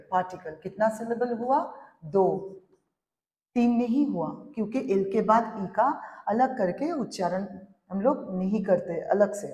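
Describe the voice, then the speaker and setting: A woman teaching an English grammar lesson, slowly sounding out words syllable by syllable and switching between languages. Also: medium pitch, darkish tone. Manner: slow, drawn-out spelling and syllable counting. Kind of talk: classroom lesson. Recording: echoey room with long reverb.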